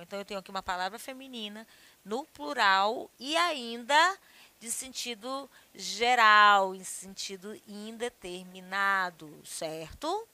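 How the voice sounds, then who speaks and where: A woman's voice: a little high, pushed and bright. A Brazilian woman with a Brazilian Portuguese accent teaching a grammar lesson, explaining patiently and checking with her students as she goes.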